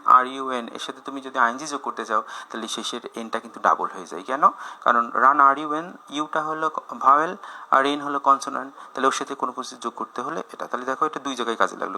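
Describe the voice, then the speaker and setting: Bright-voiced man teaching grammar patiently. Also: mid-range voice. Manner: patient, repeats points, many fillers. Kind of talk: classroom lesson explaining grammar rules.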